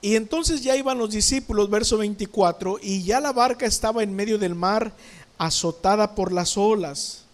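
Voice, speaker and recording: A male pastor preaches a sermon in church. His voice sits high, and he keeps asking the congregation questions. He brings scenes to life with sudden sound words. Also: normal speed.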